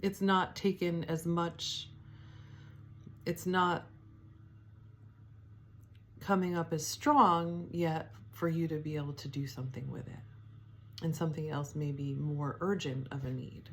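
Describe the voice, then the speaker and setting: A woman giving a spiritual teaching, speaking softly and reflectively, with pauses, fillers and restarts. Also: sits low, steady tone, slight background noise. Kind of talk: devotional teaching talk.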